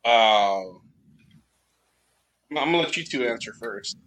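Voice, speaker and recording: A man's voice: mid-range voice, lively intonation, measured pace, a bit bright, slight background noise, rough recording. A man appearing as a guest on a casual podcast, rambling and enthusiastic. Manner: rambling, enthusiastic, many restarts.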